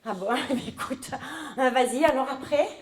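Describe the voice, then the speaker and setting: Woman doing a chatty middle-aged mom with a southern french accent, rambles and grumbles, highish voice, echoey hall. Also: normal speed, natural voice. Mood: indignant. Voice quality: talkative, rambling, indignant asides. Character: chatty southern French mother, newcomer, scheming. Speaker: comic stage character. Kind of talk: live comedy sketch. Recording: roomy live hall sound.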